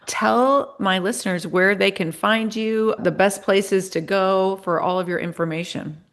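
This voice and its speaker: A woman's voice: mid-range voice, steady tone, measured pace. A woman hosting a podcast interview, reacting effusively and wrapping up the conversation. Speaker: podcast host. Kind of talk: casual interview chat.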